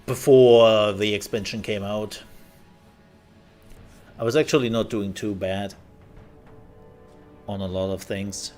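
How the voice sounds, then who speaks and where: Guy chatting casually over his game, lowish voice, bit of music in the background. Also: fairly even intonation, slow pace, long pauses, a little mellow. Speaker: gamer, let's play host. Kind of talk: casual gameplay commentary.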